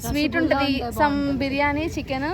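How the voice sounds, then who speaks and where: A woman's voice: high voice, little pitch movement, moderate pace. A young woman in her twenties, a graduating student, chatting and teasing her friends on camera, mixing English words into her talk, outdoors on a campus. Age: 20s. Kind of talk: casual vlog chat with friends. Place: outdoors on a busy college campus. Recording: crowd chatter around.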